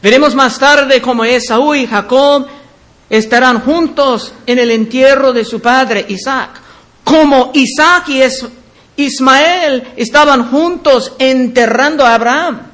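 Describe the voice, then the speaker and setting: A man preaching in a very high voice, taking his time over each phrase. He speaks earnestly, admonishing his congregation and calling them brothers. The tone is that of a pastor delivering a sermon. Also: slow, fairly bright tone.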